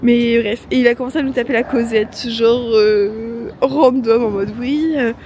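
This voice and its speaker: A young travel vlogger, worn out from her trip, chats to camera in a noisy airport with slangy jokes and plenty of fillers. Her fairly high voice is steady, unhurried and slightly dark in tone, with ambient noise behind.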